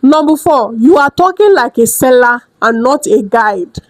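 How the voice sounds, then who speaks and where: Woman, a higher voice, dry close sound, direct coach who acts out her examples. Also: measured pace, no echo, low-quality recording. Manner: direct and lively, acts out customers and sellers. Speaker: business coach. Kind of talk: casual teaching vlog. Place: indoors at home during a rainstorm.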